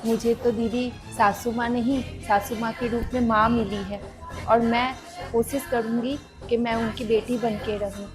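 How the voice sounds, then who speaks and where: A woman playing a young newly married daughter-in-law who speaks softly and respectfully in a family skit. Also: fairly high pitch, steady tone, normal speed, over music, natural voice. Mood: meek. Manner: soft, quiet and respectful. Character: young daughter-in-law, new bride, meek and gentle.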